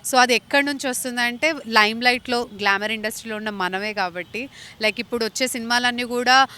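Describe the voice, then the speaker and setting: Young woman, from India, bright tone, earnest, interview answers, slips into English phrases. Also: on the high side, a little fast, clean tone. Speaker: actress interviewee.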